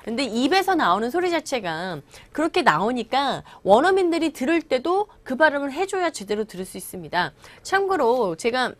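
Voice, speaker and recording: A woman English teacher giving a classroom-style lecture. She explains patiently and reads each English example slowly and deliberately. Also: high-pitched, very animated, no room sound. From Korea.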